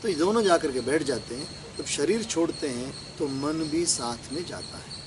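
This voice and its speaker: A spiritual teacher with a fairly high, expressive voice speaks at a moderate pace, working through scripture verses line by line. He poses questions and then answers them himself. Crickets can be heard in the background of the otherwise clear recording.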